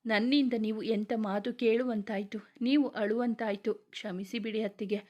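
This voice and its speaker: A woman's voice: a little high, steady tone, normal speed, warm tone, lightly acted. A woman voicing a remorseful young man who humbly apologizes through tears. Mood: pleading, remorseful. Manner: pleading, apologetic.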